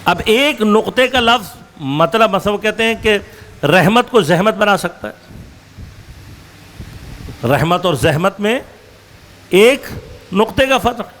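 A man with a notably high-pitched voice gives a religious lecture to a gathered audience. He poses rhetorical questions and answers them himself, working through examples with slow, stressed phrases and quicker runs. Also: animated, fairly bright tone, slight background noise. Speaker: religious scholar.

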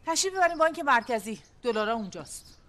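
Stern mother: high, curt, firm, formally polite. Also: very animated, a bit bright. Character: stern, proper middle-aged mother. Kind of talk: TV drama acting.

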